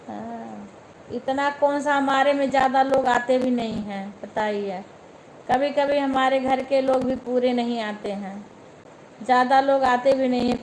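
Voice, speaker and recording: A young woman with an Awadhi accent chats casually on a live stream into her phone. Her voice sits a little high, and she takes her time, speaking to viewers one by one with faint noise behind her. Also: rough recording. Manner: chatty, talks straight to viewers by name.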